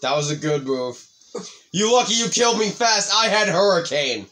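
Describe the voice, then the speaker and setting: A man's voice: high-pitched, animated, moderate pace, sharp tone, faint music behind. A man chatting casually during a video game, smugly taunting the other players. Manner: taunting, smug. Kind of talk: casual chat while battling in a game.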